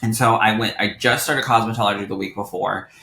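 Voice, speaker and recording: A young adult man, a guest medium, telling his personal story in an animated, chatty podcast interview. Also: fairly low pitch, a little fast, vocal fry, roomy sound, a little hiss or hum.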